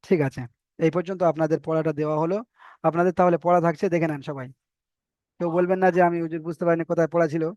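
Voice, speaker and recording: Man, high voice, Indian Bengali accent, patient, drawn-out vowels, dry dull mic. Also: steady tone, a little mellow, dry recording. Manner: patient, repeats letters slowly with drawn-out vowels. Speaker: Arabic alphabet teacher. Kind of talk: online Quran reading class.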